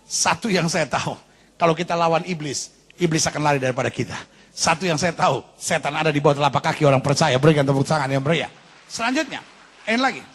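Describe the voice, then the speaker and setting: A man preaching as a pastor, lively and animated, tossing in English phrases and calling the congregation to applaud and say amen. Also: fairly high pitch, fast talker, breathy edge. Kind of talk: sermon. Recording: long reverb of a large hall.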